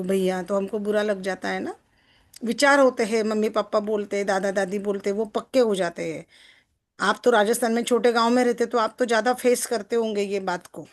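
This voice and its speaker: A success coach with a mid-range voice talks a group through a text in a chatty style. She keeps seeking agreement with tag questions and slows down whenever she reads passages aloud.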